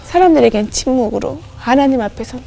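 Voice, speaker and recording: A woman's voice: sits high, a little fast, gravelly, slight background noise. A woman guest on a studio talk show, telling an emotional personal testimony and acting out the dialogue in it. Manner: animated, acts out remembered dialogue. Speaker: guest singer giving a testimony.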